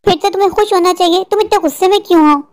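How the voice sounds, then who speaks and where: A woman voicing a weary, patient husband in a cartoon dub, calmly reasoning with his wife. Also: very high-pitched, very fast.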